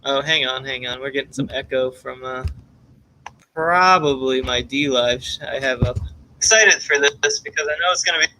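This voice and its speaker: A man's voice: mid-range voice, normal speed, bright, forceful tone, a little hiss or hum. A man hosting his own livestream, chatting loosely with many fillers and restarts. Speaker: livestream host. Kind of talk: casual livestream chat.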